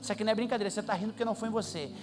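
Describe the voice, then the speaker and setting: A man's voice: high-pitched, very fast, close to an everyday voice. A man voicing a stern male pastor who scolds bluntly and then reassures firmly. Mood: angry rebuke. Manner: commanding, blunt.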